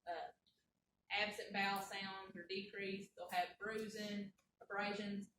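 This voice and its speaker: A woman's voice: medium pitch, little pitch movement, measured pace, noisy background. Casting: woman, nursing instructor, folksy and chatty, roomy classroom, mic far off. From Kentucky. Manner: folksy, chatty, stops for war stories. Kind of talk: casual classroom lecture.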